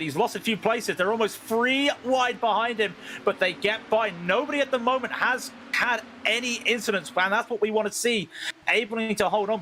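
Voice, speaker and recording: A man with a distinctly high, bright voice gives motorsport commentary on a sim race. He analyses the action conversationally, in short phrases. Faint engine noise runs underneath. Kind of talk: live sim racing commentary and replay analysis.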